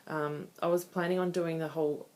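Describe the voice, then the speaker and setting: A woman's voice: low voice, level tone, brisk, a little mellow. A woman in her thirties talking candidly and conversationally in a casual personal video diary. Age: 30s. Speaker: vlogger.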